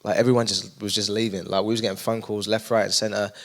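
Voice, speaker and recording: A man's voice: on the low side, fast talker. A man with an East London accent, a young adults pastor talking casually in an interview, telling stories with energy and lots of fillers. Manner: energetic, animated storytelling with many fillers.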